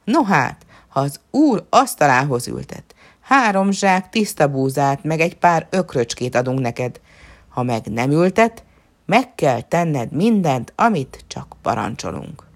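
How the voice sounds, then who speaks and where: Scoffing villagers in a folk tale, woman reading, low mocking voice, bouncy. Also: big pitch swings, full character voice. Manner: mocking and scornful.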